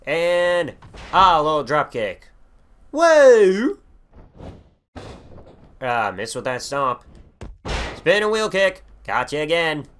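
Young man, let's play commentary, lively swinging voice, slow drawl, bright tone, swears a lot. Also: a little high, clear, resonant tone. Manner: profane, excitable, shouts at the game. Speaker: gaming channel host.

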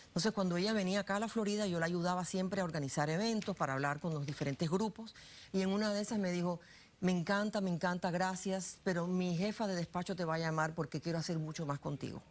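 A woman in her sixties, born in Cuba, talks on a lapel mic in a TV studio. Her voice sits low, and she speaks chattily, with many fillers and restarts. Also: fast, a little hiss or hum. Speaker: guest, political analyst. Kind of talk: studio interview, personal story.

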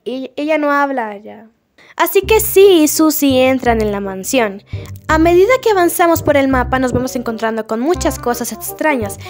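A woman YouTuber giving chatty, jokey commentary on a game's story, retelling scenes with animated asides. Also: sits high. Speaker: gaming YouTuber. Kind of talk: game story analysis commentary.

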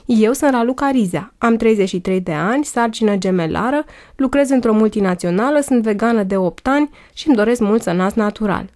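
A woman's voice: on the high side, a little mellow, lightly acted. A woman voicing a friendly, confident woman in her thirties expecting twins, in an audiobook.

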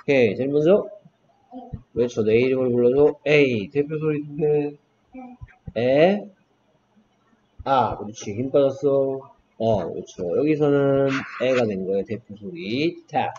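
A man's voice: mid-range voice, a little slow, dark tone. A man teaching English phonics one-on-one, patiently modeling each sound and encouraging his student. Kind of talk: one-on-one online phonics lesson. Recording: dull lo-fi recording with faint background noise.

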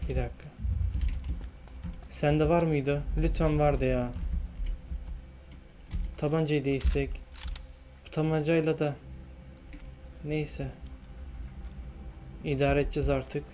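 A man's voice: a little high, little pitch movement, takes it slowly, pauses often, mellow, slight background noise. A young man commenting on his own gameplay, grumbling and exasperated, muttering and then burst into frustration. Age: young adult. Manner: grumbling, exasperated, swears he's bursting with curiosity. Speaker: gaming channel host. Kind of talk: let's-play commentary.

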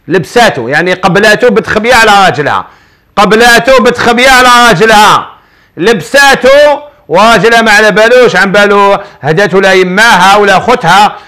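A man's voice: high-pitched, pushed and bright. A middle-aged man speaking with an Algerian Arabic accent, a sheikh hosting a religious advice show, preaching in an emphatic, repetitive, colloquial storytelling manner. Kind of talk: preaching, answering viewer questions.

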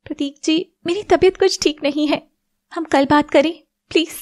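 A woman voicing a long-suffering young wife in an animated serial, soft-spoken and pleading. Her voice sits very high. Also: moderate pace, lightly acted. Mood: frightened, sobbing.

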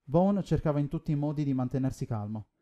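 A man narrating a novel aloud, reading in a calm, even manner. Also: fairly high pitch, fast, muffled recording. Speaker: audiobook reader. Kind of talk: scripted narration.

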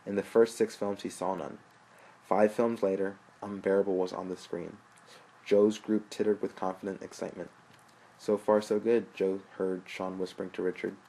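Low, husky male narrator. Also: level tone, normal speed, dark tone, rough recording. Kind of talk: audiobook narration.

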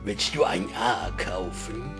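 A man puts on a talking jack-o'-lantern pumpkin from a video game. The voice drops low and drags slowly as it peddles its wares, with faint music behind. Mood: slow, salesmanlike. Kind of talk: video game character read aloud.

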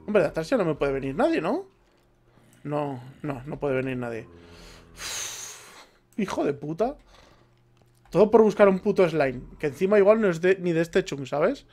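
Swearing Spaniard gamer muttering while playing. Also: male voice, a little high, very animated, normal speed, long pauses, a little mellow. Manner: swears a lot, mutters to himself. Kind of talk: let's play commentary.

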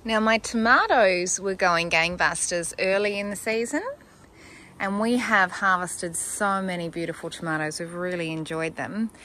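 An Australian woman in her thirties, a gardening vlogger, speaks at normal speed in a low-ish, bright and forceful voice. She walks through her backyard vegetable garden filming on a handheld phone, chatting casually with fillers and small laughs.

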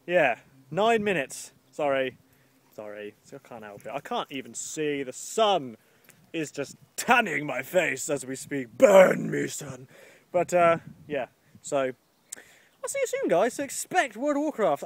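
A man rambling casually in an outdoor vlog, chatty and self-deprecating, swearing now and then. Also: on the high side. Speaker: vlogger. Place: outdoors with wind.

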